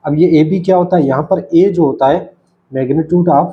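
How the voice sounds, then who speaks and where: Here a man teaches at a writing board in a recorded lecture, speaking at a normal pace in a fairly high voice. He explains with patience, restates his points, and checks often that his students understand, all on a dull, lo-fi recording.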